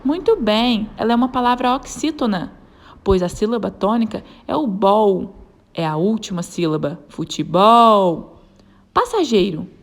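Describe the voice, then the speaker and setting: Woman, teacher narrating a lesson, animated intonation, clear deliberate delivery. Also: medium pitch. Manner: clear, slow stretched syllables when sounding out example words.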